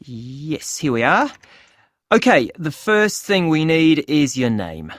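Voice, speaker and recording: A man's voice: on the high side, sing-song, slow pace, no room sound. A friendly male club clerk filling in a membership form, asking polite questions one after another. This is scripted exam listening audio, recorded dry and close. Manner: polite, asks form questions while typing.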